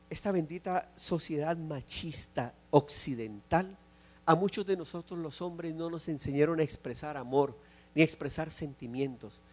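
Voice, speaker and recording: A man with a notably high voice preaches a sermon to his congregation. He talks with passion, repeats his phrases, and moves between loud calls and quiet, low pleading. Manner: impassioned preaching with repetitions, shifting from loud exclamations to soft low pleas. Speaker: pastor. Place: church.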